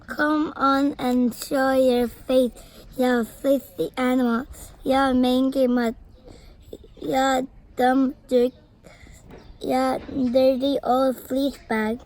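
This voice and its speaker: A woman's voice: sits high, darkish tone, poor audio. A woman voicing a hotheaded male villain cat from a comic book, ranting a string of silly insults.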